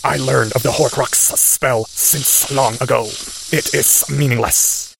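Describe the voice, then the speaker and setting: A man doing Professor Quirrell, slow and cold. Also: mid-range voice, steady tone, gravelly, pitched above the performer's own voice. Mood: cold, scornful. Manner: slow, hissing, broken clipped grammar. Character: dying male professor turned snake, cold and clipped.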